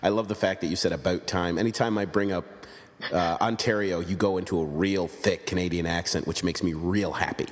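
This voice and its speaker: A man's voice: low voice, steady tone, brisk, long reverb tail. A man hosting a podcast in casual chat, rambling and joking at his own expense. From United States. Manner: joking, rambling, self-deprecating. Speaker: podcast host.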